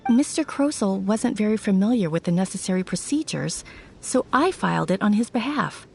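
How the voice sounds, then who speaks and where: A woman's voice: medium pitch, lively intonation, moderate pace, creaky, soft background music. An actress voicing a friendly, helpful young woman broker in a video game.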